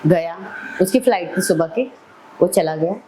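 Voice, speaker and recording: Animated woman. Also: on the low side, normal speed, slight background noise, poor audio. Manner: vivid, animated storytelling. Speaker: celebrity hair stylist, podcast guest. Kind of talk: personal storytelling in an interview.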